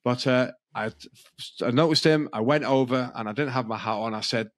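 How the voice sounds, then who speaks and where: A man's voice: mid-range voice, a little fast, dry recording. A man co-hosting a podcast, telling rambling, self-deprecating stories in casual chat. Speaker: podcast co-host. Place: indoor podcast studio, filmed.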